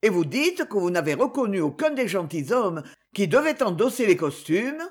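A woman's voice: mid-range voice, big pitch swings, normal speed, breathy edge. A woman reading the part of a proud, suspicious young king in an audiobook novel. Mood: delighted.

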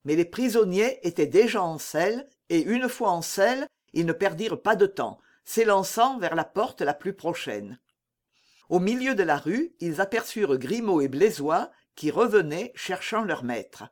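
Narrator for a classic adventure audiobook; animated, rising and falling delivery. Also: mid-range voice, unhurried. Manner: lively, animated storytelling. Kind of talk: expressive audiobook reading of a classic novel.

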